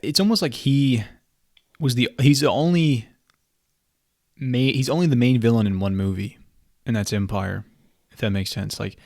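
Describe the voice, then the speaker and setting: A man's voice: mid-range voice, moderate pace, long pauses, a little mellow, no room sound, studio quality. A man co-hosting a podcast, chatting casually about a movie, curious and hesitant, full of questions. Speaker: podcast co-host. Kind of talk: casual movie commentary chat. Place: indoor room.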